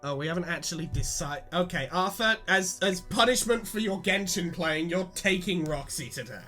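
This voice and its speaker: A man hosting a casual chat while reading a webcomic, animated and swearing freely. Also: high voice, normal speed, faint music behind. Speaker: host.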